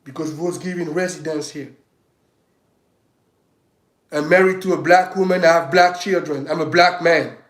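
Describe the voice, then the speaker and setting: A man's voice: fairly high pitch, steady tone, normal speed, pauses often, roomy sound, rough recording. A man giving a heated, emphatic political monologue on a livestream, with frequent restarts as he presses his points. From Africa. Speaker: self-styled state governor giving political commentary.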